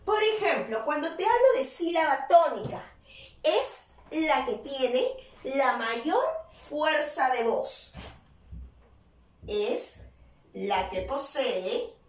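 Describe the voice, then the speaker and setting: A woman teacher giving a virtual class. She explains slowly and deliberately, asking questions and then answering them herself. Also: sits high, lively intonation, distant mic. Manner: slow, deliberate explaining with stressed key words. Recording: roomy echo, voice set back from the mic.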